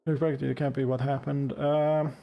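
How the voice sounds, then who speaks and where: A man's voice: mid-range voice, little pitch movement, normal speed, creaky, highs cut off. A man playing a game, commenting casually and wryly and reading narration aloud in a conversational way.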